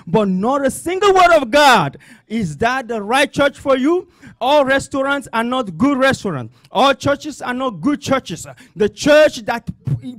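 A male pastor with a non-native English accent preaches a sermon and leads congregational prayer, fervent and emphatic, repeating phrases. His voice is very high, and the recording is dry.

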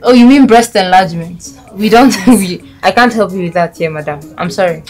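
An actress with a Nigerian accent playing a polite but firm pharmacy attendant in a comedy skit. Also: female voice, mid-range voice, brisk, a little mellow, faint music behind, lightly acted. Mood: polite refusal. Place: small pharmacy shop, indoors.

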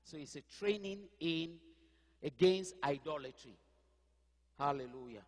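A pastor in his fifties, not a native English speaker, preaches from the stage of a large church hall wearing a headset mic. His voice is a little high and unhurried, with big-room sound, and he gestures animatedly while searching aloud for words.

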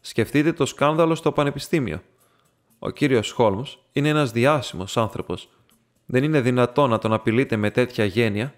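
A man's voice: medium pitch, natural voice. A man reading aloud, voicing an anxious, apologetic male assistant who speaks earnestly and pleadingly.

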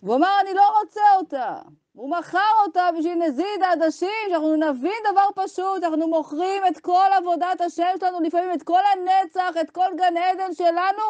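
A woman's voice: very high voice, steady tone, hardly any pauses, a little mellow, dry recording, dull audio. A woman teacher giving an impassioned Torah ethics lesson to women, arguing with rhetorical questions and acting out imagined dialogues.

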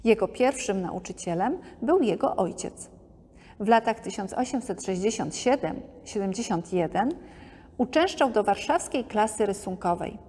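A woman narrating a museum art-history podcast in a calm, measured scripted reading. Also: mid-range voice, a little hiss or hum. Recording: long hall reverb.

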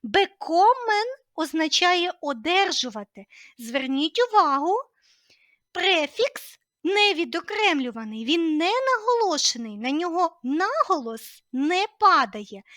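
High, lively woman teaching a language lesson. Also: dry recording, clean studio sound. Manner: clear, patient explaining with lively emphasis.

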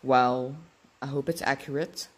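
A man introducing his upload in a hesitant, halting way, with frequent pauses and fillers. His pitch is mid-range and almost flat, with little rise or fall. He politely repeats his requests to viewers. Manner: halting, many pauses and fillers, asking to subscribe. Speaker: video uploader. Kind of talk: casual video intro.

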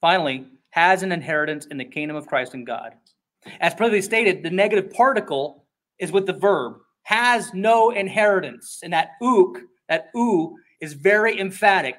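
A male pastor preaching an expository sermon in a conversational, emphatic way, often slipping into quick acted-out voices. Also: high voice, expressive, fairly bright tone.

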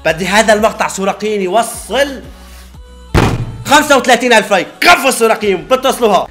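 A man's voice: high-pitched, expressive, fast, over music. A man hosting a reaction video, chatty and eager, calling his viewers brothers. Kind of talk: casual reaction commentary.

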